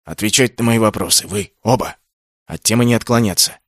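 Brief: male narrator as a gruff sardonic commander, low voice, curt orders, dry studio read. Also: brisk, a bit bright, no room sound. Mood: stern. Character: stern, sardonic male commander, middle-aged.

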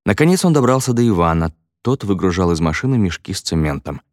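A man reading an audiobook in a measured, expressive way. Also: low-pitched, dry recording, clean studio sound. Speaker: audiobook narrator. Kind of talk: scripted narration.

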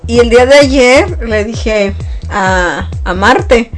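A woman hosting a radio show, telling stories in a lively way with frequent laughs. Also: a little high, slow pace, soft background music. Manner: lively storyteller, laughs often. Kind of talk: casual radio chat.

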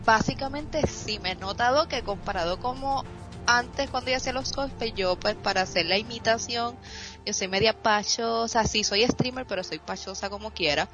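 A woman in her thirties from Puerto Rico with a Puerto Rican Spanish accent, a streamer telling her life story as an interview guest, lively and mixing in English words. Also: fairly high pitch, normal speed. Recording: dull lo-fi sound with faint music.

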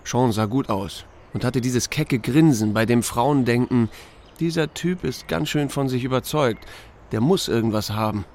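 This man voices a sheriff from a small town who recounts his own tale, narrating and acting the dialogue in a dry, understated, laconic way. The tone is darkish and close to everyday speech, mid-range and at a moderate pace.

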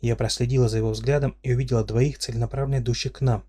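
Husky-voiced male reader for a steady first-person fantasy audiobook. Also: medium pitch, rapid-fire. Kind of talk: scripted first-person narration.

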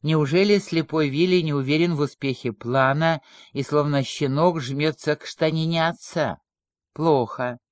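A man's voice: a little high, unhurried, no echo, close to an everyday voice. A woman reading a scornful master-hunter. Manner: scornful, commanding. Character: grumbling, arrogant male master-hunter. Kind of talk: audiobook reading.

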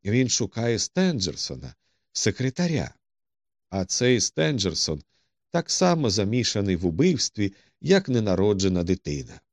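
A man voicing a boastful, excitable male police detective who talks in a boisterous, self-satisfied way. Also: fairly low pitch, moderate pace, dry recording, studio quality.

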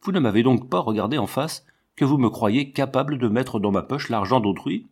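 A man's voice: medium pitch, expressive, moderate pace, a little mellow, slightly rough. A man reading the part of an honest, earnest teenage boy in a storybook. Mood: indignant. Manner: earnest, firm.

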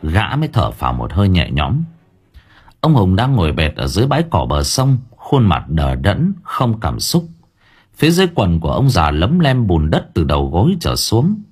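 A man narrating an audiobook in a dramatic, expressive manner. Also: low-pitched, moderate pace, slightly rough. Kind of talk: scripted narration.

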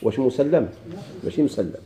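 A man with a Moroccan accent teaching grammar, asking questions and answering them himself and reading quoted text slowly. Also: mid-range voice, expressive, mellow. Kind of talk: classroom lecture.

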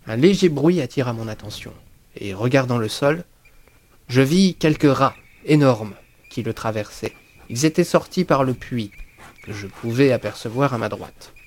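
A man narrates a first-person horror story as an audiobook reader, using a measured, deliberate and expressive literary style. His voice is medium in pitch.

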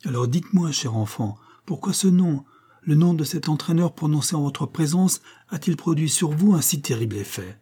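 A man's voice: a little high, animated, normal speed, mellow, slightly rough, voice pushed up. A man playing an anxious, pleading husband. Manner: pleading, earnest questioning.

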